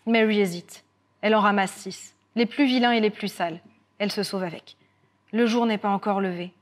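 A woman storyteller telling a folk tale with guitar accompaniment, lively and expressive with dramatic pauses. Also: medium pitch. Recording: guitar music throughout.

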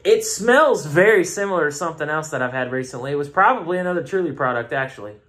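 A man's voice: on the high side, animated, quick pace, fairly bright tone. Chatty Southern man reviewing beer. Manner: chatty, rambling, self-mocking. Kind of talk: casual review vlog. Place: home room. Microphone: phone camera.

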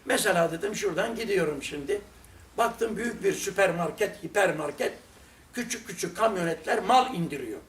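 A man's voice: sits high, lively intonation, a little fast. An older man from Turkey teaching a religious lesson through humorous anecdotes, acting out the dialogues himself. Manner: humorous, acts out dialogues from his stories. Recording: roomy sound from a distant mic with faint noise.

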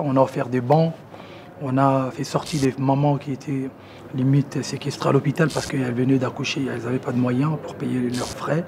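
On a garden terrace surrounded by plants, a man in his thirties from Congo presents his interests as a musician, speaking French with a Congolese accent; Lingala is his first language. He's relaxed and hesitant, full of fillers, in a medium-pitched voice, with background noise and music playing under him.

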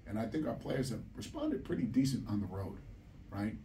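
A middle-aged head basketball coach speaks at a table in the press room after a game, giving blunt, forceful answers and repeating phrases for emphasis. His voice is fairly low and mellow, brisk, with big swings in pitch. The sound, from a faraway camera despite a table mic, is distant and a little noisy.

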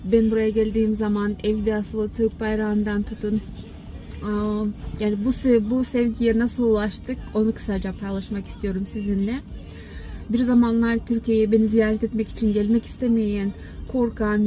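Woman vlogger from Kyrgyzstan, halting speech, relaxed mellow tone, little pitch movement, casual address, music in the background. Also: rough recording. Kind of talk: casual talk to followers.

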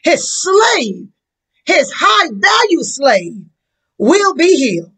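An American woman preaches a sermon in a very high, lively voice that swoops widely up and down. She takes her time, and her words break into cries at the peaks. The passion stays in every phrase. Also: slow, rough recording. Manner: impassioned preaching, voice breaking and crying out. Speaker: pastor.

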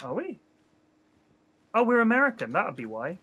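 Bright-voiced joking gamer guy. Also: sits high, wildly swooping pitch, normal speed, breathy edge, lo-fi sound. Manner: jokey, teasing, sweary. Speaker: gaming channel co-host. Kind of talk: casual gaming banter.

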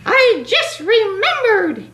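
A woman's voice: very high-pitched, big pitch swings, takes it slowly, echoey room, noisy background, pitched above the performer's own voice, full character voice. A woman voicing a frantic young male turkey who shrieks and pleads for somewhere to hide. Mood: panicky.

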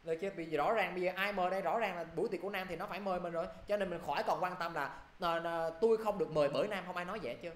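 A man with a Southern Vietnamese accent teaches an English grammar lesson, talking briskly and constantly checking in with his students. His voice is high, and the sound is roomy.

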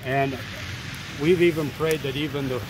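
A man's voice: fairly high pitch, fairly even intonation, normal speed. A middle-aged man, a street preacher, speaking earnestly and matter-of-factly to a handheld camera outdoors at a snowy street corner. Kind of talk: casual street conversation. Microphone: handheld camera held close. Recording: loud street traffic noise. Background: loud traffic.

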